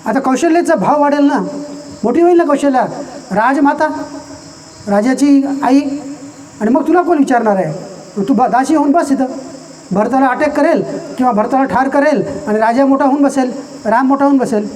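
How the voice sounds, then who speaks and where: A man's voice: very high voice, normal speed, pauses often, a little mellow. A man voicing a scheming old hunchbacked maidservant woman who scolds and insists, recorded from a distant mic with faint noise. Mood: urging.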